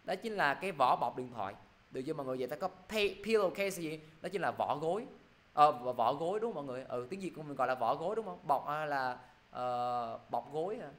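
A man's voice: fairly high pitch, animated. Man teaching pronunciation. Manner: repeats "được chưa" constantly, drills words slowly. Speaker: English teacher. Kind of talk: online pronunciation class.

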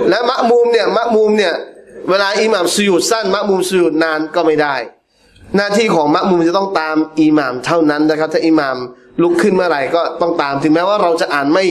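Male religious class teacher, animated and humorous, voice on the higher side. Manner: animated storytelling with laughter. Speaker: Islamic teacher.

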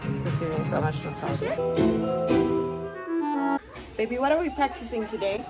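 A woman's voice: mid-range voice, very animated, normal speed. A young woman chatting casually to camera as a lifestyle vlogger, playful and laughing often, filmed in a small home kitchen. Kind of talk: casual vlog chat to camera. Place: small home kitchen and living room, indoors. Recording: roomy, distant audio with music behind.

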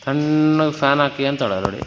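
Male fitness coach from Karnataka, playful and bossy, counts reps out loud; slightly high voice, faint background hum. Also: fairly quick, in a large hall. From Karnataka, India. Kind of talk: casual home workout coaching.

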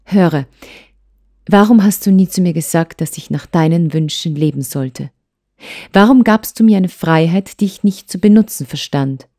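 A woman voicing a hurt young wife who pleads and reproaches her husband with urgency, in a mellow tone. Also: on the low side, unhurried. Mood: reproachful.

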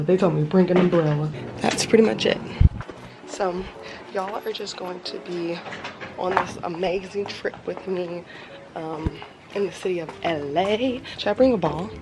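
A woman's voice: on the low side, noisy background. A woman in her twenties chatting casually on a vlog, filmed on a handheld camera at arm's length, first indoors and then at the beach. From Los Angeles area, United States. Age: 20s. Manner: chatty and playful, swears casually. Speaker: vlogger. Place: house and garage, then an outdoor beach.

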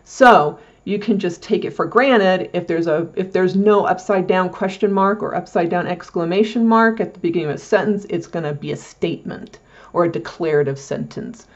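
A woman's voice: on the low side, moderate pace, muffled recording. A woman teaching parents about language in a friendly, chatty way, explaining things step by step. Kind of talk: casual explanatory lesson.

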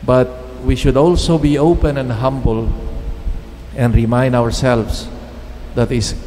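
A middle-aged Filipino priest preaches a homily at Mass in a church chapel, speaking in measured, halting phrases with pauses into a standing microphone at the lectern. His voice is medium-pitched and warm. The recording carries long church reverb, faint ambience and a little hiss or hum.

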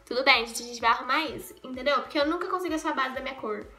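A young Brazilian makeup vlogger chats casually at home in her bedroom while doing her makeup for a get-ready-with-me vlog, joking, rambling and correcting herself. Her high voice is very fast, bright and forceful, with soft music in the background.

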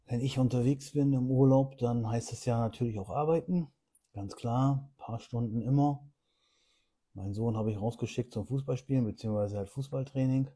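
A middle-aged man with a very dark, mellow voice and a husky edge, talking like a health coach in a relaxed vlog. He explains in a chatty way, stacks up rhetorical questions and repeats key words as he goes. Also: mid-range voice, moderate pace. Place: on holiday.

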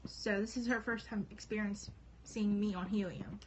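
A woman's voice: mid-range voice, fairly even intonation, moderate pace. A young woman talking casually to the camera as a vlogger in a small bedroom. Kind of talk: casual vlog chat to camera. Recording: noisy amateur home video.

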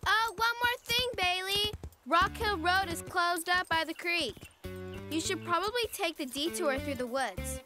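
A conniving teenage girl from a cartoon. Her voice is high, catty and teasing, with a sly snide edge, and music plays clearly behind her. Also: measured pace. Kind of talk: animated series voice acting.

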